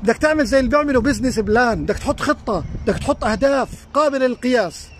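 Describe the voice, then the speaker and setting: Levantine guy doing a live stream by a lake, talks super fast, faint traffic noise behind him. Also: extremely high pitch, expressive. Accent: Levantine Arabic. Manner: earnest, advising, addresses viewers directly. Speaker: life coach. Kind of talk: live-stream advice talk. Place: outdoors beside a lake.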